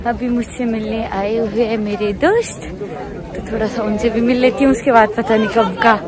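A young woman vlogs on a phone camera as she walks through a busy outdoor street. She talks loudly and chattily straight to the viewers. The chatter of a crowd fills the background. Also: on the high side, fairly even intonation, normal speed. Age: young adult. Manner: loud, chatty, talking to camera while walking. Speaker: vlogger. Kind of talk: casual vlog chat. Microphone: handheld phone camera, no mic.

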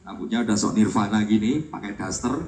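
Guitarist joking from a live stage. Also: male voice, lowish voice, fairly quick, a little mellow, a little hiss or hum. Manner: rambling, self-mocking storytelling. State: has a cold. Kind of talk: joking stage banter between songs. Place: live concert venue. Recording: roomy, distant live recording.

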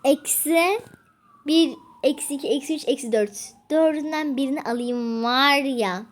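A woman's voice: high-pitched, a little slow, slight background noise. A teenage girl chatting casually over a mobile game she is playing, talking straight to her viewers. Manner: chatty, keeps saying "friends", begs for subscribers; whispers to avoid waking her father. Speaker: gaming vlogger. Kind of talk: casual gameplay commentary.

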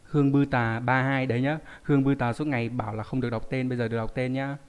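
A man's voice: mid-range voice, steady tone, fast talker, clean tone, highs cut off. Man teaching a live online lesson. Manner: reads viewer names and explains readings, asking rhetorical questions. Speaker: Japanese teacher.

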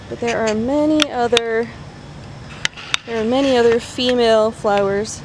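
A woman vlogger tours her backyard vegetable garden on foot, chattily indicating the plants one by one, recorded outdoors on a handheld phone camera as she walks. Her voice is fairly high with a steady tone and a somewhat slow delivery, and the background is noisy.

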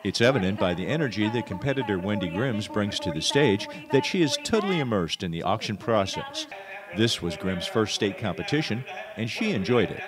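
A man's voice: lowish voice, expressive, brisk. An American man narrating a scripted news feature as a TV reporter. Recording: crowd noise behind voice-over. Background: event crowd.

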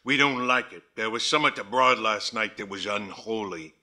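Uneasy rustic workman , a man putting him on, slightly higher, bright tone, storybook. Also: normal speed. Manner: rustic country speech. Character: uneasy male village workman.

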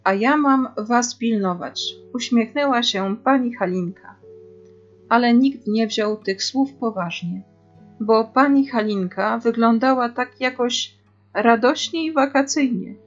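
A woman teacher reads a children's novel aloud in an expressive storytelling manner. She takes her time and her voice sits a bit high. The recording is dull and lo-fi, with faint guitar music underneath. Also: unhurried.

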